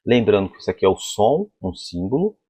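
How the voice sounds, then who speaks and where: This whiteboard phonetics lesson comes from a man whose low-leaning voice swings widely in pitch, moving a little fast with a warm, slightly rough tone. He explains English sounds and poses rhetorical questions to his class, and the recording carries no echo.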